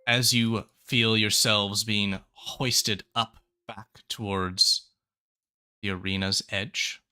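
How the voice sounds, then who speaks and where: A man's voice: fairly low pitch, flat delivery, slow pace, sharp tone, clean tone. A man narrating as game master of a tabletop game in an easygoing, descriptive way.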